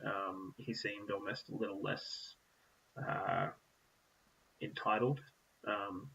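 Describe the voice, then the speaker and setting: A man's voice: fairly low pitch, fairly even intonation, slow pace, vocal fry, sharp tone, lo-fi sound, slight background noise. A man narrating a tabletop game as game master, meandering and full of fillers.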